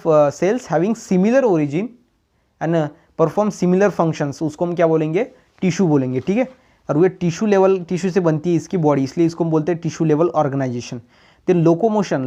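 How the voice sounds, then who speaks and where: A man's voice: on the high side, warm tone. A man teaching biology in a lecture, asking questions and answering them himself, and switching between Hindi and English terms. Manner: reads English notes slowly, then explains quickly. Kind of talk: classroom lecture. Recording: dull lo-fi recording.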